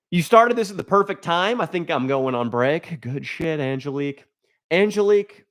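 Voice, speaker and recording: A young man hosting a livestream in a loose, rambling way, talking straight to the chat. His voice sits at an ordinary middle pitch for a man, and his humor is crude and deadpan. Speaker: livestream host.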